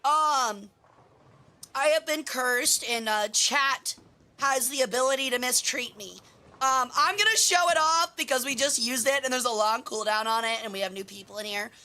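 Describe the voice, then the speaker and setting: A woman livestreaming in a cute anime-streamer manner, chatting with viewers in a bubbly, animated way and exclaiming her greetings. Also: high voice, normal speed. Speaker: VTuber streamer, host.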